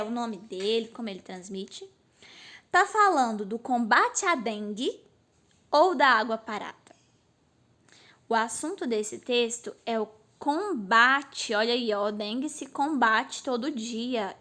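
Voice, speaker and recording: Woman teacher, high voice, patient explainer asking and answering her own questions. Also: bright, forceful tone. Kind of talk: recorded remote class lesson.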